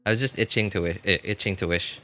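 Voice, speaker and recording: A game livestreamer chats casually about the gameplay, rambling and often halting to correct himself. His voice is low, pushed, and bright.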